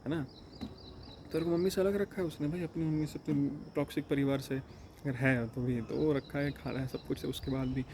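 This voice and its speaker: A man who teaches yoga courses, talking in a rambling casual monologue and retelling phone calls in quick quoted bits. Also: on the high side, steady tone, mellow, a little hiss or hum.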